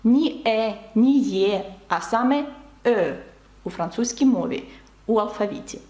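Teacher: woman, higher voice, patient step-by-step explainer, echoey room. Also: animated, moderate pace, warm tone. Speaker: French teacher. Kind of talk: online video lesson.

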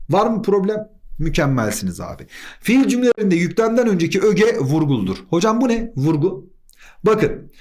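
Lively, high-voiced man teaching grammar. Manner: quizzes himself in quick question-and-answer steps; playful asides. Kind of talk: exam-prep grammar lesson.

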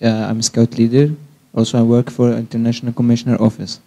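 A man's voice: medium pitch, completely flat delivery, fast talker, creaky, dark tone. A man from Egypt, a scout leader, introducing himself briefly from the audience in a conference hall. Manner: brief hesitant self-introduction.

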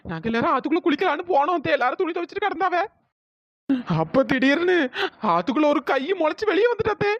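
Jumpy, cheeky young daughter-in-law. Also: female voice, expressive, fast talker, dry recording. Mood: pleading. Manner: panicky calling out, cheeky backtalk. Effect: pitch-raised voice editing. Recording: dry, slightly dull cartoon voice track.

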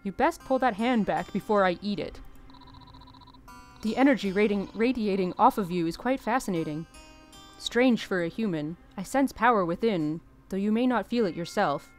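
A woman's voice: medium pitch, animated, normal speed, close to an everyday voice. Woman playing a male demon for a game: haughty, grumpy, sardonic, music behind. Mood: haughty, intrigued. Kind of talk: reading game dialogue in character.

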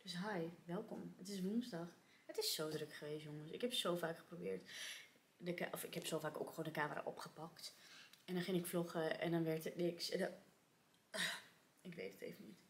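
A woman's voice: fairly low pitch, brisk. A young woman vlogs casually from her office, talking in a chatty way with plenty of fillers. She sometimes drops to a near whisper. A faint hiss sits behind her voice. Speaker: vlogger. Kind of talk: casual vlog chat and storytime.

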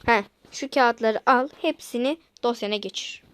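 A woman's voice: fairly high pitch, moderate pace, fairly bright tone, a little hiss or hum, close to an everyday voice. A woman playing a strict, demanding female office boss who gives curt orders. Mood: commanding.

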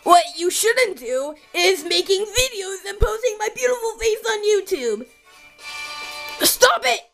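Bowser, an angry turtle-king dad voiced by a woman, shouts in a high, stammering voice with faint music behind, for a comedy toy show. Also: sing-song, unhurried, creaky, heavily acted, rough recording. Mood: scolding. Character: hot-tempered grown male turtle king, strict father.

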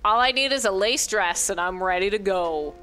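A woman streamer reading a story game aloud, breaking off into animated, crude jokes. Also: medium pitch, moderate pace, soft background music.

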